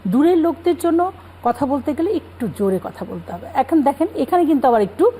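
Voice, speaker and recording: A woman speaking as a guest on a religious talk show, calmly explaining scripture and manners. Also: high-pitched, fairly quick, slight background noise, rough recording. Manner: calm explanatory, cites scripture.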